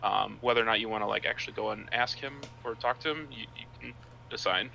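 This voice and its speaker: Bright-voiced man running a tabletop game. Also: on the low side, fast, creaky, dull audio, soft background music. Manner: filler-heavy, repeats words. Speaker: game master.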